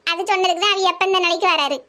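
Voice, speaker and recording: A woman voicing a melodramatic middle-aged village housewife in a cartoon comedy, theatrical and sharp-tongued. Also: fairly even intonation, racing. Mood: complaining. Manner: shrill, theatrical wailing and complaining.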